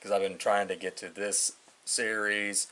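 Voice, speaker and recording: Rambling, low-voiced man reactor. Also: little pitch movement, unhurried, pushed and bright. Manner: rambling, loose, thinking aloud. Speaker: reaction video host. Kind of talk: casual reaction commentary.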